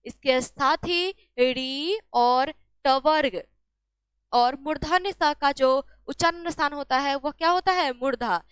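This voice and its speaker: A woman's voice: high-pitched, takes it slowly, a bit bright, dry recording. A woman teaching a lesson on exam solutions, asking each question and answering it herself.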